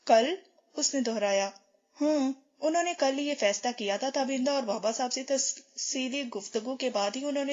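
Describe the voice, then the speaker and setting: This is a scripted audiobook reading of a novel, captured in dull lo-fi sound. The narrator is a high-voiced woman who keeps a steady storytelling pace, voices all the characters herself, and changes her tone whenever dialogue comes up.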